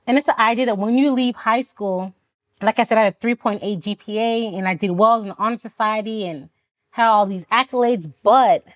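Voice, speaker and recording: Speaking a little fast with a voice on the high side, this woman is an Army officer from Florida whose first language is Haitian Creole. As a podcast guest she reflects earnestly on her personal story, acting out dialogue and laughing a lot.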